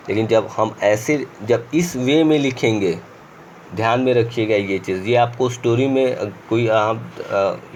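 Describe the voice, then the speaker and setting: A male school teacher with an Indian accent giving a grammar lesson, explaining in Hindi and reading English rules aloud slowly, with a faint hum behind him. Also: fairly low pitch, a little mellow. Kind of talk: screen-recorded grammar lesson.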